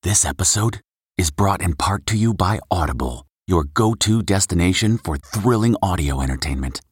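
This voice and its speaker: Low husky guy doing a scripted ad read, super dry studio sound. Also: lively intonation, moderate pace, no room sound. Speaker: ad announcer.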